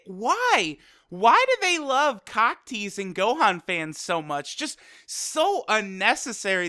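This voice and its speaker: A man's voice: high voice, bright, forceful tone, smooth, no echo, clean studio sound. A young man casually reviewing an anime episode, talking loosely and profanely with lots of "you know" and "like.".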